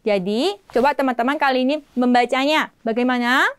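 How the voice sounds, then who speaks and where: A woman teaching an online language lesson, speaking lively and repeating phrases slowly and clearly for learners. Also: high voice, no room sound. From Indonesia.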